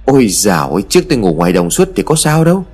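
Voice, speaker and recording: A man voicing a grumpy, stubborn old village man in an audio story, speaking gruffly and dismissively. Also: lowish voice, sing-song, rapid-fire, a little mellow, soft background music. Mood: grumbling.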